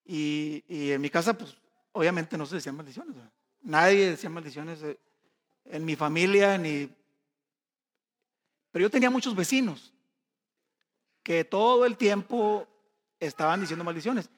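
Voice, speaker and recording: A man's voice: on the high side, lively intonation, moderate pace, long pauses, in a large hall. A man preaching a sermon, telling personal stories and reading scripture, calling the congregation brothers and asking them rhetorical questions. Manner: folksy personal storytelling. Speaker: pastor.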